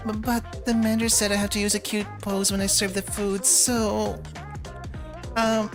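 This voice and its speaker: A woman plays a shy young game-developer girl, anxious and easily flustered. She speaks hesitantly at a medium pitch and stammers, with game music clearly audible behind her. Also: flat delivery, normal speed, natural voice. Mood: flustered, distressed.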